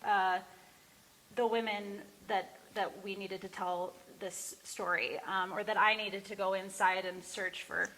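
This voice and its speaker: Speaking in a mid-range voice with fairly even intonation and a sharp tone, a singer-songwriter chats casually between songs, halting and searching for words as she reflects. She's performing live for a small audience in a reverberant barn with music in the background, and a little hiss or hum is audible.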